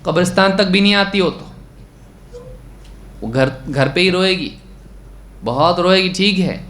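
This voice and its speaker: Stern religious teacher in an echoey room. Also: male voice, high-pitched, a bit bright. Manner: recites Arabic text, then explains it; asks the listeners questions, then answers them. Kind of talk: religious lesson on prayer.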